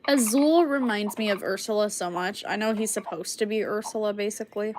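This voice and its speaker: A woman's voice: mid-range voice, brisk. Rambling young woman with a cough. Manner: rambling, filler-heavy, frequent "like". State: sick with a cough. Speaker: streamer. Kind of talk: casual chat with viewers. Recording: clicky background noise.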